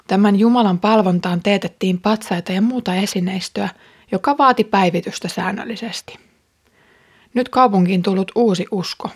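A woman reading a Bible passage aloud and then explaining it, in a calm, measured manner. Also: medium pitch, breathy edge. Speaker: Bible reader and teacher. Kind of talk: scripture reading with commentary.

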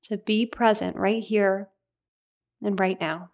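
A woman leading a guided meditation in a soothing, unhurried way, leaving gentle pauses between phrases. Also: medium pitch, steady tone.

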